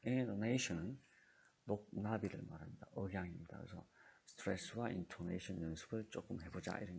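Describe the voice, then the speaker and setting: A middle-aged male teacher giving an English lesson in slow, patient speech, modeling drill sentences for students to repeat. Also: sits low, vocal fry, a little mellow. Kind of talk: classroom lecture.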